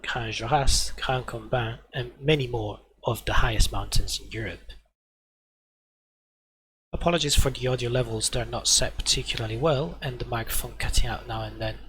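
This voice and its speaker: A man hosting a flight simulator video, explaining calmly in pilot terms, his volume uneven and his microphone cutting out now and then. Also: medium pitch, low-quality recording. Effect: uneven volume, mic cutting out now and then. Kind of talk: narrated flight simulator walkthrough. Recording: loud background hum and noise.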